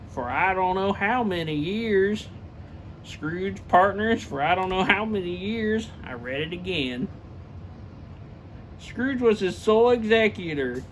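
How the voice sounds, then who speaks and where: A show host with a high voice reads a classic story aloud, theatrical and emphatic, tripping over the text and tossing in casual asides. There's a slight hiss or hum in the recording.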